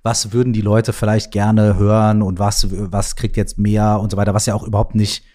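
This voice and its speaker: A man interviewing a guest in a casual chat, asking loose, relaxed questions. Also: fairly low pitch, normal speed.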